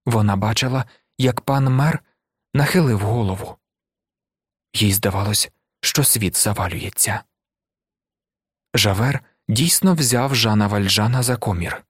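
A man reading a dramatic classic novel aloud as an audiobook narrator, in a measured, expressive way. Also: fairly low pitch, breathy edge, no room sound, studio quality.

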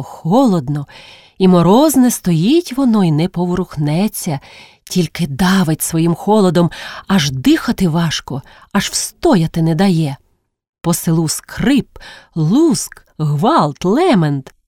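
A woman narrating a classic story in a measured, expressive reading. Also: on the low side, no echo, clean studio sound.

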